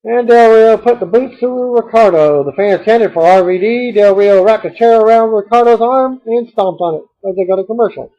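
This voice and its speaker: A man's voice: sits high, moderate pace, hardly any pauses, warm tone, muffled recording. A man reading out a recap of a televised wrestling show, with dry asides. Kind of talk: read-aloud show recap.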